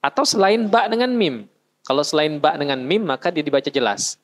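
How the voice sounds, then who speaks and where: A man's voice: a little high, expressive, a little fast. A man teaching a class how to recite, explaining patiently and chanting short verses as examples. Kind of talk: recitation lesson. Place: mosque.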